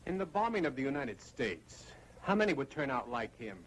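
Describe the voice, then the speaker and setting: An actor playing an impatient, demanding conspirator in an old horror film, stern and probing. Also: male voice, mid-range voice, very animated, fairly quick, close to an everyday voice, low-quality recording. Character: impatient, demanding male conspirator plotting conquest. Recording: old film soundtrack, faint noise.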